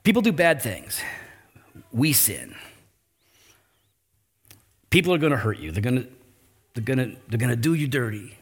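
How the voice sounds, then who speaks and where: A man preaching a sermon as pastor, animated and conversational, with his voice rising for emphasis and quick asides. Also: mid-range voice, breathy edge.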